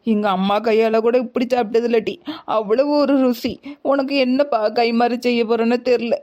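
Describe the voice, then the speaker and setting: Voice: mid-range voice, steady tone, moderate pace, darkish tone, muffled recording, natural voice. A voice actor playing a trusting, affectionate village woman in a cartoon comedy. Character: gullible village woman, one of the sisters.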